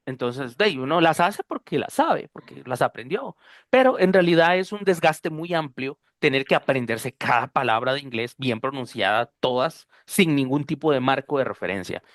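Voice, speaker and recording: A man's voice: fairly high pitch, no echo, studio quality. A man with a Costa Rican accent teaching pronunciation in an online class, explaining patiently and drilling sounds aloud. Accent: Costa Rican Spanish.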